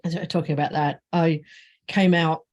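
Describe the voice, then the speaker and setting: A woman's voice: low voice, fairly even intonation, normal speed, a little mellow. A middle-aged woman from Australia, an author being interviewed, talking casually with many fillers and frequent laughter. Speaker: author guest.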